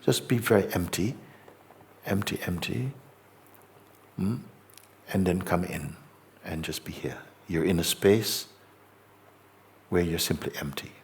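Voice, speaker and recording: Deep gravelly man guiding a meditation. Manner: slow, gentle, repetitive, hesitant. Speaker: spiritual teacher. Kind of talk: guided meditation talk. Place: meditation hall before a live audience.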